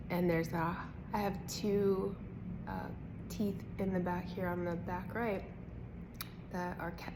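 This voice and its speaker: A woman's voice: lowish voice, noisy background. A woman recovering the day after dental surgery, talking to the camera in an earnest, emphatic, rambling personal vlog. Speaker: health vlogger.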